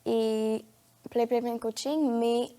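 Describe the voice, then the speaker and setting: Appearing as a guest in a TV studio, this teen actress speaks with a Quebec French accent in a warm, fairly high voice, slowly and with fairly even intonation. The conversation is a casual chat full of youthful slang like "genre" and "comme."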